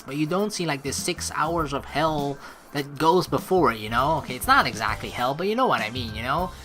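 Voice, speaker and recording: Over background game music, a woman with a low, slightly bright voice plays through a game, reading its text out and reacting with playful, casual, wandering chatter.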